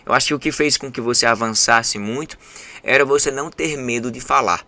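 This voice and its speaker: Lively bright-voiced Brazilian man hosting. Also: mid-range voice, fairly quick. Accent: Brazilian Portuguese. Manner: animated, acts out his students' voices. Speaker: host and English teacher. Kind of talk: casual interview chat.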